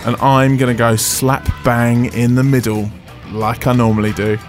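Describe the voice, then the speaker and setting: Jokey radio host. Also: male voice, medium pitch, level tone, moderate pace, faint music behind. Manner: jokey, self-mocking. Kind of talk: casual radio banter.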